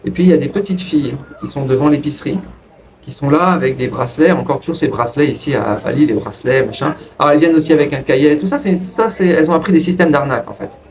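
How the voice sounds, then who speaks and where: A man casually telling a personal story to his viewers in a rambling way, with frequent restarts. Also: fast. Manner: rambling, restarts, lively pitch jumps. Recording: distant from the mic with faint ambient noise.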